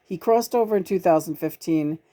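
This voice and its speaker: A woman from New York City hosting a casual, reflective channeling chat, with halting, deliberate phrasing. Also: fairly low pitch, warm tone. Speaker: host and channeler.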